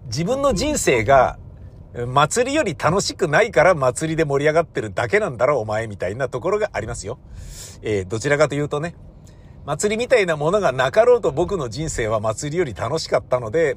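A man's voice: medium pitch, big pitch swings, fairly quick, slight background noise. A man in the entertainment business giving a rambling, self-mocking rant in a casual solo monologue.

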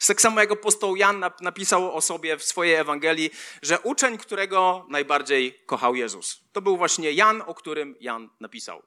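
A man's voice: high voice, sharp tone. A man preaching a sermon, reading scripture aloud and repeating key lines for emphasis. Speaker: pastor.

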